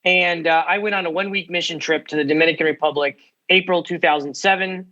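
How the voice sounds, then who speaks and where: A man in his forties from the United States, a podcast guest telling his story with energy and quick asides. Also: fairly high pitch, steady tone, bright, forceful tone, muffled recording. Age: 40s. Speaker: guest, ministry founder. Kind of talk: podcast interview.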